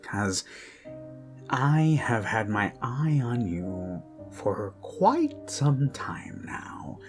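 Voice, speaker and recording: A performer of unclear sex improvises an ASMR roleplay as an obsessed kidnapper who dotes menacingly on a captive, with eerie music playing behind. The mid-range, sing-song voice sounds creepy and coaxing. Delivery is slow and halting, lapsing into whispers and giggles.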